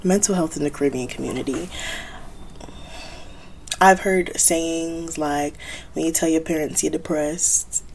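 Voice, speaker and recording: Young woman, 20s, solo podcast host. Low, gravelly register, candid conversational delivery. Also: fairly even intonation, unhurried, long pauses, darkish tone, slight background noise. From United States, Haitian American. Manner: candid, conversational, thinking aloud.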